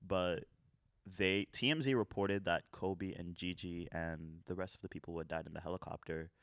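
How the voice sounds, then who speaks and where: A man co-hosting a laid-back podcast conversation who thinks aloud and steers the talk with questions. His voice sits fairly low, and the recording is close and dry. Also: steady tone, moderate pace, fairly bright tone, no echo. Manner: reflective, poses discussion questions. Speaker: podcast co-host. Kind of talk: casual chat.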